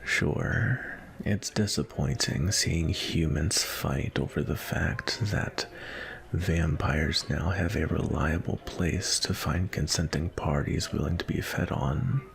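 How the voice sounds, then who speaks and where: Sebastian, a deep, gravelly vampire acted by a man. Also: a little hiss or hum, heavily acted. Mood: calm, reassuring. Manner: polite, unhurried, flirtatious. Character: suave, courteous, centuries-old male vampire on a date. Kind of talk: ASMR roleplay, intimate and softly spoken.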